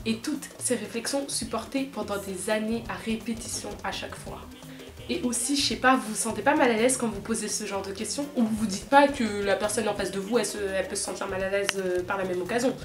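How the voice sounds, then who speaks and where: A woman's voice: mid-range voice, a little fast. A woman vlogger speaking firmly and indignantly, appealing directly to her viewers. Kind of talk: earnest direct-to-camera talk. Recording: echoey room with music behind.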